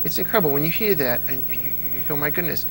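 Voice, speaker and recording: Against a noisy background, a man with a fairly high, animated voice talks fast in a casual interview. An old-time radio fan, he speaks enthusiastically and often restarts his sentences.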